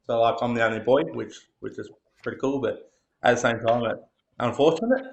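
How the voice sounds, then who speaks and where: A man's voice: mid-range voice, a little fast, gravelly, muffled recording. An Australian man in his late twenties, a podcast guest telling his life story earnestly, with many hesitant ums. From Tasmania, Australia. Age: late 20s. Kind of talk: personal storytelling.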